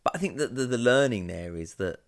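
A man's voice: mid-range voice, animated, brisk. A man, co-hosting a casual podcast from his living room in a joking, playful way. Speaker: podcast co-host. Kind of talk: casual chat.

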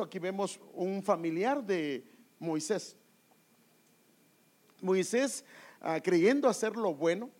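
A man preaching a sermon with emphatic rhetorical questions, often calling his listeners "brother". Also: high voice.

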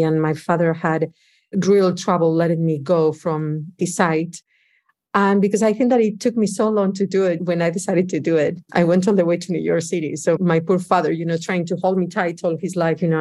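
A woman's voice: lowish voice, a little mellow. A woman from Spain with a Spanish accent, speaking reflectively as an interview guest, often restarting her phrases. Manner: reflective, frequent restarts and "you know". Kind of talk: conversational interview.

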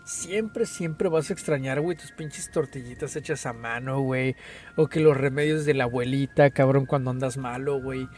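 Over faint background music, a young Mexican co-host with a Mexican accent chats casually on a podcast. His mid-range voice is a little mellow and his pace moderate, and his talk is slangy, heavy on swearing, and full of "güey."

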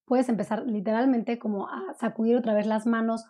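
Woman, mellow tone, higher pitch; conversational guest. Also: steady tone, brisk. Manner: warm explanatory, frequent "¿no?" tags. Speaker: parenting coach guest. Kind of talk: conversational interview.

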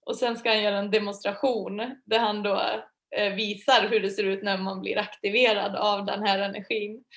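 A woman guest telling a personal story in a lively, chatty way, laughing often and using many fillers. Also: medium pitch. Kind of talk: casual storytelling.

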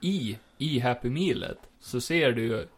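Brief: man game master, mid-pitched, easygoing narrator of an improvised role-play. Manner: relaxed, matter-of-fact narration with laughs.

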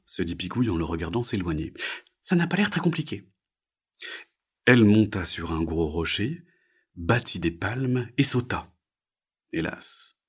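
A man reading a children's story aloud in an expressive, gentle way. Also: low-pitched, husky.

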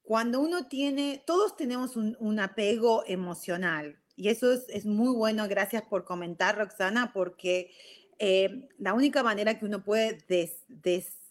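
A woman's voice: medium pitch, a little slow. A middle-aged woman with a Rioplatense Spanish accent, hosting a live stream and chatting casually about personal growth, often ending her points with "ok?". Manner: chatty, frequent "ok?" tags. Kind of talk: casual talk on self-growth.

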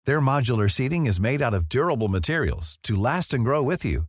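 A man's voice: mid-range voice, big pitch swings, brisk, dry recording, studio quality. A man reading a scripted podcast ad in an upbeat way. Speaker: ad reader. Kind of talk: scripted ad read.

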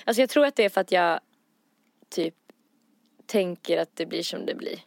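A woman's voice: lowish voice, creaky. A woman in her twenties co-hosting a podcast in casual chat, laughing often as she talks loosely. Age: 20s. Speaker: podcast co-host.

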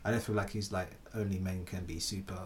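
A man's voice: sits low, steady tone, fast talker. A man in a casual philosophical chat, thinking aloud with hesitant restarts.

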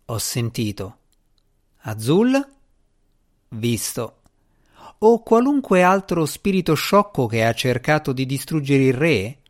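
A man's voice: medium pitch, big pitch swings, slow, long pauses. A man voicing a sarcastic, boastful male djinni spirit in the shape of a boy, reading an audiobook with mocking, theatrical sarcasm. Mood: sardonic.

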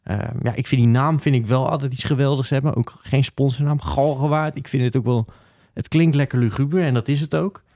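A man's voice: medium pitch, fairly quick, warm tone, no room sound, studio quality. A man with a broad Utrecht Dutch accent, chatting and telling stories in a wry, colloquial way as a podcast panelist. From Utrecht, Netherlands. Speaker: podcast panelist on football history. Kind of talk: casual chat, storytelling.

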